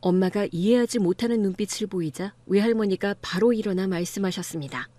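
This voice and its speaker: A young woman narrating an audiobook story as the lead, a lawyer, with calm narration and sharp, defiant dialogue. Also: medium pitch, a little fast, no echo.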